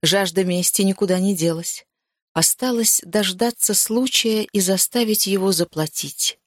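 A woman narrating a first-person novel in a measured, even storytelling manner. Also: mid-range voice, no echo, studio quality. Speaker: audiobook narrator.

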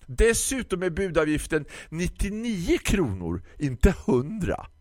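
A man's voice: high-pitched, very animated, no room sound, clean studio sound, voice pushed up. Man doing a snappish grumpy woman florist. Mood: smug, dismissive. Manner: snappish, huffing and impatient. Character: grumpy middle-aged woman florist, curt and irritable.

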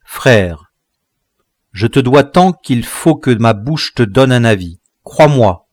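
A man's voice: medium pitch, animated, takes it slowly, darkish tone, no room sound, studio quality. A man reading the part of a grave, fierce enslaved man in an audiobook, speaking in a solemn, urgent tone.

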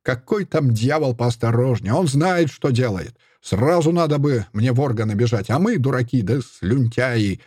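Man reading an old prisoner who rants, husky, sneering, lively swings in pitch. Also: moderate pace, few pauses, dry recording, studio quality. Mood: ranting. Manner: ranting, sneering, shouting accusations. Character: furious old male zealot prisoner, shouting. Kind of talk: audiobook reading.

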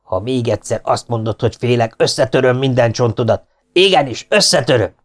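A man's voice: mid-range voice, close to an everyday voice. A man voicing a huge, grumpy, sleepy legionnaire who grumbles and blusters in an audiobook story. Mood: blustering.

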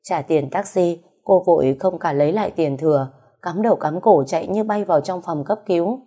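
Low, mellow woman narrating a story. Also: normal speed, slightly rough.

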